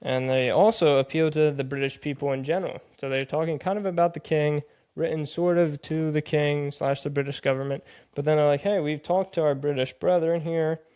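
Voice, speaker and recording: A man's voice: on the high side, fairly even intonation, fairly quick, darkish tone, clear, resonant tone. A man hosting a podcast, reading aloud from a text and explaining it in a casual, conversational way, often paraphrasing loosely. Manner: plain-spoken, conversational, paraphrases with "hey" and "they're like". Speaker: podcast host.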